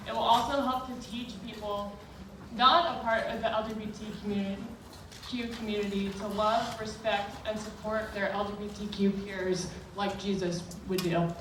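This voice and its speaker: Woman, from Miami, steady earnest reading, distant mic, booming echo. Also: moderate pace. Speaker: public commenter. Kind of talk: reading a prepared public comment. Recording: echoey hall, from far off, noisy.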